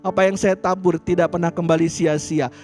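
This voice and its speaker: A man's voice: sits high, fairly quick, soft background music. A male pastor preaching a sermon, telling personal stories and constantly addressing his listeners directly. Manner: lively storytelling, addresses listeners as "saudara" constantly. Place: church worship service streamed online.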